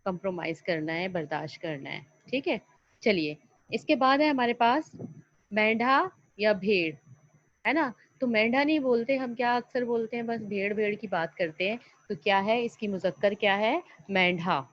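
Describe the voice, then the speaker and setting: Woman teaching an online class. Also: medium pitch. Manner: coaxing, asks questions and answers them herself. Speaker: primary school teacher. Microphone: computer mic on an online class call. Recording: slightly dull lo-fi online call audio.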